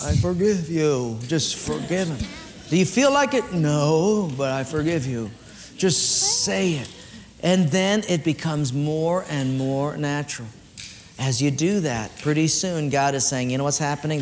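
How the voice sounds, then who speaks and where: A man preaching a sermon as a pastor, swinging from loud raised lines down to quiet low ones. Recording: long hall reverb, faint room noise.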